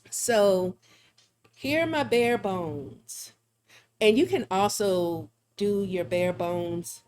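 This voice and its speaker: A woman's voice: lowish voice, a little mellow. A woman hosting a live drawing stream, chatting casually and laughing often as she thinks aloud. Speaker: livestream art host.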